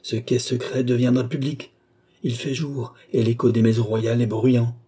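A man voicing a commanding, mysterious count in an audiobook, giving firm, measured orders. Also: medium pitch, level tone, warm tone, slightly rough, close to an everyday voice. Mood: imperious.

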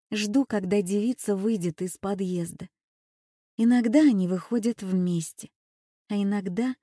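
A woman narrates a first-person story in a quiet, confessional way. Her tone is mellow and warm, recorded dry and close with no room sound. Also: medium pitch, no echo.

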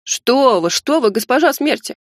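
A woman's voice: a little high, brisk, no room sound, studio quality, lightly acted. A woman reading an audiobook, voicing a chatty, nervous male goblin servant who is undead and talks in a rambling, folksy way. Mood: protesting.

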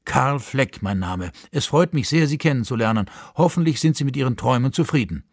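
A man's voice: medium pitch, expressive, brisk, no room sound, clean studio sound. A man voicing a polite, formal little green man who decides a person's dreams, read for radio. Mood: courteous.

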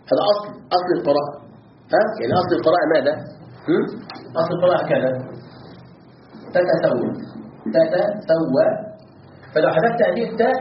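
A man teaching a lesson on Quran commentary. He often asks his students questions and repeats words to drill them. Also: on the high side. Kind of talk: classroom lesson. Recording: roomy, slightly dull recording with faint background noise.

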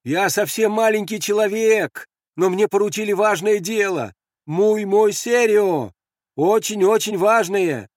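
A man voicing a desperate male guerrilla messenger who shouts and pleads to be let through. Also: fairly high pitch, lively intonation, normal speed, no room sound, clean studio sound, voice pushed up. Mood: frantic. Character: frantic male guerrilla messenger crossing lines.

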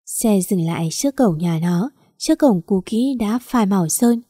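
A woman giving a steady, emotive scripted narration of a family story. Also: mid-range voice, moderate pace, no room sound, studio quality.

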